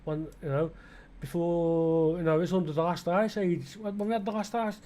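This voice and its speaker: British male gaming creator, slightly raised pitch, loose meandering commentary full of self-questions. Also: steady tone, normal speed, warm tone. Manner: musing aloud, asking himself questions, many restarts. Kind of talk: rambling flight-sim commentary.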